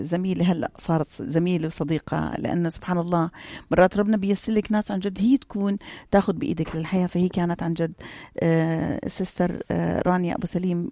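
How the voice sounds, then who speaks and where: A woman's voice: on the low side, warm tone, dry recording, clean studio sound. A middle-aged woman, an interview guest earnestly and emphatically telling her personal story. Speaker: interview guest, cancer survivor.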